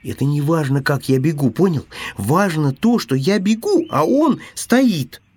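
A man voicing a small, excitable hedgehog who bosses his friend around in an insistent, lecturing way. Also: measured pace, slightly rough, heavily acted. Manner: insistent, lecturing, high and squeaky.

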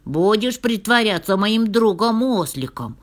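A woman doing a shouting, indignant bear cub. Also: on the low side, measured pace. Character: frightened, angry little male bear cub.

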